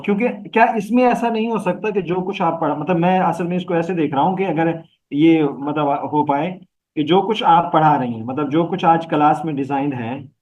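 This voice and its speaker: A man's voice: a little high, a little mellow, highs cut off. A man, talking hesitantly as interviewer, with many fillers and frequent murmured agreement. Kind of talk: casual conversation.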